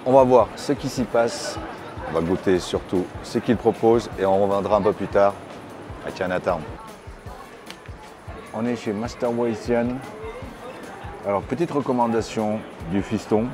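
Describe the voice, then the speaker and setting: A middle-aged man hosting a food vlog, giving measured, descriptive tasting remarks in a casual way. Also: fairly low pitch. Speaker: food vlogger host. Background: background music.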